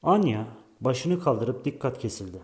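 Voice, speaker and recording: A man calmly reading a story aloud as its narrator. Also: medium pitch, measured pace.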